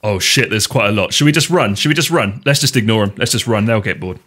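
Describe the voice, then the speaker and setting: A man's voice: fairly low pitch, lively intonation, fast, fairly bright tone. A middle-aged British man from the UK, chatting casually and swearing while he streams a game from home. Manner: chatty, swears a lot, nervous laughs. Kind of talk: casual gameplay chat. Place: home room.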